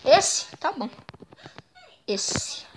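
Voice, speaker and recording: A young woman with a Brazilian Portuguese accent giving excitable, playful let's-play commentary, teasing and squealing as she plays. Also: drawn-out words, music in the background. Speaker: gaming YouTuber.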